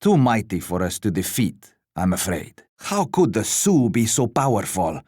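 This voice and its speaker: An actor playing a pompous, genteel royal commander in a strategy video game, speaking formally and theatrically. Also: male voice, on the low side, sing-song, moderate pace, darkish tone, breathy edge, dry recording, clean studio sound. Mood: regretful. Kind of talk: scripted strategy game voice lines.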